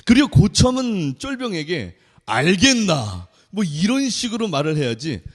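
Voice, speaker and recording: A man in his thirties preaching a sermon as a junior pastor, telling stories with lively acted-out voices. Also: high-pitched, normal speed. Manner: animated storyteller, acts out quoted voices. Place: church sanctuary. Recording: reverberant church hall.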